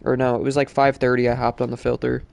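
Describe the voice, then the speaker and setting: A male streamer chats casually while playing a game on a live stream, rambling with lots of fillers and sounding congested from allergies. He talks fast in a mid-range, monotone, gravelly voice, with soft music in the background.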